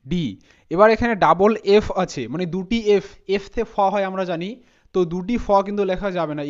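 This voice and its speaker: A man's voice: high voice, smooth, highs cut off. A man teaching English pronunciation as a spoken lesson, patiently spelling words out letter by letter.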